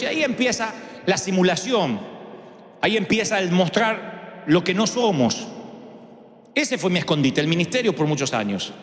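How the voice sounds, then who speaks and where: A male preacher giving a sermon in a dramatic way, acting out quotes with big swings in his voice. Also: sits high. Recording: echoey hall with long reverb.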